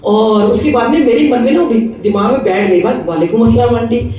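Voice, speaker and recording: A middle-aged woman, a dentist, telling a devotional testimony in a lively storytelling way, acting out the voices she quotes and slipping in English phrases. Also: a little high, a little fast, muffled recording, soft background music. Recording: echoey room, mic at a distance.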